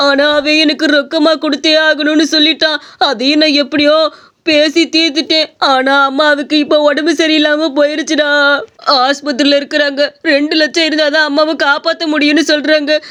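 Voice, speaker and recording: Woman as a desperate young cartoon man, high voice, tearful pleading, odd timbre. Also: level tone, fairly quick, a bit bright. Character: desperate young man begging his friend for money. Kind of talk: animated story voice acting.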